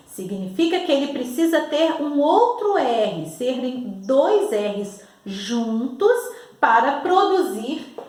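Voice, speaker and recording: A Brazilian woman teaching young children to spell, slow and over-enunciating as she talks straight to the child. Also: high-pitched. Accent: Brazilian Portuguese. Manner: patient, over-enunciating, addresses the child directly. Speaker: primary school teacher. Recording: echoey room.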